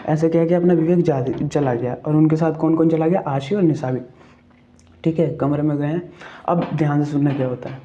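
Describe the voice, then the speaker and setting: A man's voice: a little high, fairly even intonation, normal speed, warm tone, dull audio. A man casually retelling a ghost story, chatty, checking in with the listener and asking questions as he goes.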